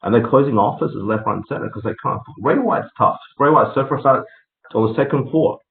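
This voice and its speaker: A man's voice: mid-range voice, a little fast, vocal fry. Man hosting a group voice call. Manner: chatty, laughs between points, many fillers. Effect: group voice call, heard over a conference line. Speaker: meeting host for a real estate network. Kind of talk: casual business meeting update. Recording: tinny echoey call line with faint hiss.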